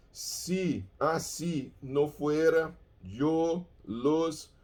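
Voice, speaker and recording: Guy teaching pronunciation real slow, highish voice, repeats words a lot, keeps asking ok?. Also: darkish tone. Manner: keeps checking in with "ok?". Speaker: language teacher. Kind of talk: bilingual Bible-verse language lesson.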